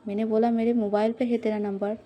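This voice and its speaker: A woman's voice: on the high side, flat delivery, lo-fi sound, close to an everyday voice. Woman doing a chatty schoolboy friend. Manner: quick, chatty explaining. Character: young male schoolboy friend, chatty and cautious.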